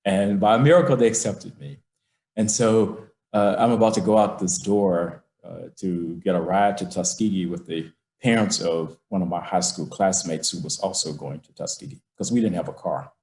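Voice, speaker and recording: A middle-aged man telling a personal story slowly and with emphasis, acting out his father's words, recorded in his office. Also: sits low, a little mellow, roomy sound.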